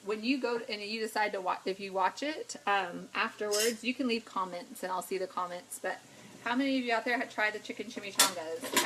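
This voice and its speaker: A woman's voice: medium pitch, background noise. A middle-aged woman hosting a live cooking video at home, chatting with viewers and greeting them by name as she cooks. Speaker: cooking vlog host. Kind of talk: casual live-stream cooking chat.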